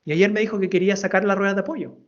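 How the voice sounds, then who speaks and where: A man's voice: high-pitched, fairly even intonation, racing. A man in his thirties, a storytelling coach, telling a personal story as a guest in an interview, earnest and fond of repeating words for emphasis. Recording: dull lo-fi sound.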